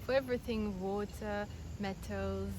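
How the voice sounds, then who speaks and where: Outdoors in India, a Belgian woman in her thirties who was raised in France calmly explains her views in a casual interview, earnest and step by step, often restarting. She speaks at a measured pace in a mid-range voice, with clear outdoor background noise.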